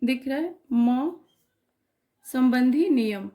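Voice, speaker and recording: A woman with a high voice gives an unhurried grammar lesson. She works through each example patiently and keeps checking that her students are following. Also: lively intonation, mellow. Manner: patient, repeats checks like "clear?" and "okay". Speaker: teacher.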